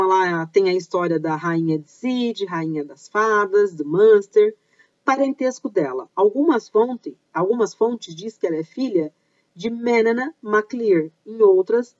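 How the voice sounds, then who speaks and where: A woman's voice: medium pitch, dark tone, no echo, highs cut off. A woman with a Brazilian accent hosting an informal explanatory video, chatty, stopping to explain and correct herself. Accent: Brazilian Portuguese. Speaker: host of a pagan culture channel.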